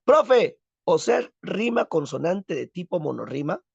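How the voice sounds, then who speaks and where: A man voicing an eager young student who calls out questions to the teacher in a high, keen voice. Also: very animated, measured pace, gravelly, husky, no echo, full character voice. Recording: dull lo-fi, dry.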